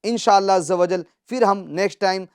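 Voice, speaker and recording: Smooth-voiced Quran recitation teacher. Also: mid-range voice. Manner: slow drawn-out recitation of words, then brisk explanations; asks questions and answers them. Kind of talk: televised Quran reading lesson.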